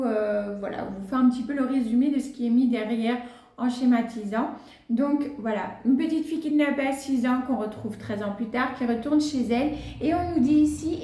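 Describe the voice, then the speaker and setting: A woman's voice: a little high, darkish tone. A woman in her thirties or forties chatting casually through a book haul, with many hesitant fillers. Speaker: book vlogger. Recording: roomy echo.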